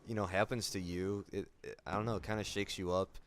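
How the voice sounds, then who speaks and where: A young man talking in a casual vlog, subdued and somber, halting with many fillers and restarts. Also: deep voice, steady tone, slight background noise. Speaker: gaming YouTuber.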